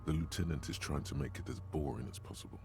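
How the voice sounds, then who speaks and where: An actor playing a game's narrator voice, describing grim details in a darkly vivid manner. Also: male voice, extremely low pitch, fast, vocal fry, dark tone, soft background music. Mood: grim narration. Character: deep gravelly male narrator voice of the detective's mind. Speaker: game narrator.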